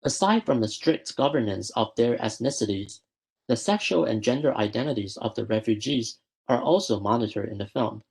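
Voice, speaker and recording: A young adult man presents a prepared academic paper at a student research school, reading in a measured way and frequently correcting himself mid-word. His medium-pitched voice is expressive and a little mellow, slightly rough, with vocal fry.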